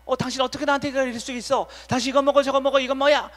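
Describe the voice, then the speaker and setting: A man's voice: very high-pitched, flat delivery, rapid-fire, a bit bright, voice pushed up. A man playing a hurt, complaining wife in a raised, accusing, whiny voice. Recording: reverberant church hall.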